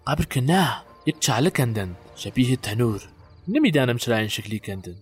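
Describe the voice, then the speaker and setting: An actor playing a guilt-haunted man recalling a night burial, in a halting, haunted way. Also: mid-range voice, big pitch swings, breathy edge, soft background music. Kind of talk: audio drama acting.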